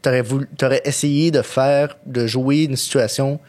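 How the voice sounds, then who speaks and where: A man's voice: medium pitch, steady tone, moderate pace, a little mellow. Chatty man hosting. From Longueuil, Quebec. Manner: rambling, chatty storytelling. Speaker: podcast host. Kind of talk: casual podcast interview.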